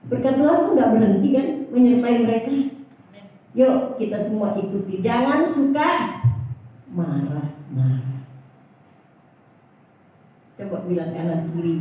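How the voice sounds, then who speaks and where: Older woman pastor, sermon, fairly high and mellow voice, echoey church heard from a distance. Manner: lively, repeats the key phrase, asks the congregation questions. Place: church hall.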